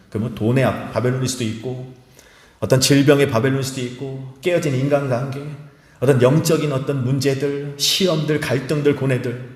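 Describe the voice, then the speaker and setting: A man's voice: mid-range voice, a little mellow. A man preaching at a Friday prayer meeting as pastor, fervently questioning the congregation directly in a large church hall.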